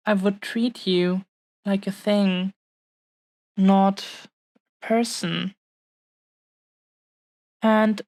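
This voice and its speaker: In this intimate romantic audio roleplay, a woman voices a dragon-blooded fiancée who is both loving and possessive. Her medium-pitched delivery is halting and broken by long, breathy pauses, with no audible room sound.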